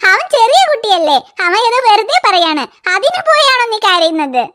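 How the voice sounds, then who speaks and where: A woman's voice: very high-pitched, sing-song, normal speed, fairly bright tone, full character voice. A woman voicing a coaxing cartoon mom. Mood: soothing. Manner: soothing, coaxing. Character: young mother, patient and teasing. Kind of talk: cartoon voice acting.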